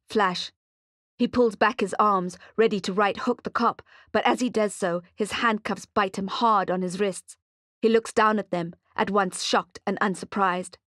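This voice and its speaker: Female audiobook narrator, mid voice, measured thriller read, dead-dry booth. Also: medium pitch, no room sound. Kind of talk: scripted narration.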